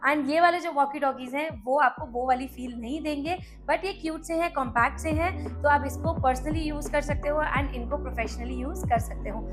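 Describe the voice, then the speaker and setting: Hosting a casual product comparison, a woman with an Indian accent explains things in a high-sitting voice. She mixes English words into her speech.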